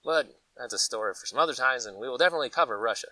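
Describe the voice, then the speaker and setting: This animated American man from Colorado has a bright, forceful, mid-range voice and talks at a racing pace. As host of a preparedness gear channel, he rambles casually through folksy, conversational stories with acted-out asides. The recording is dry, the mic distant, and the audio poor.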